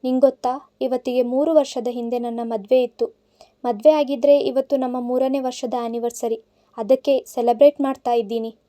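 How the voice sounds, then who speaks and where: A man's voice: extremely high pitch, steady tone, moderate pace, dark tone. A woman voicing a drunk, heartbroken man in his twenties who rambles and pleads like a child. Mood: sulky. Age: 20s. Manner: rambling, sulky, innocent pleading. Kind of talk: audiobook character voice.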